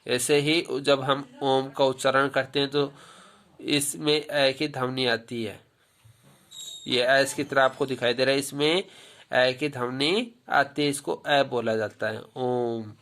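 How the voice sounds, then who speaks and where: A man's voice: medium pitch, steady tone, slow, a bit bright. A man teaching Hindi grammar, asking his pupils questions, answering them himself and repeating the key points. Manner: tells pupils to remember. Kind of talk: classroom lesson with questions to pupils.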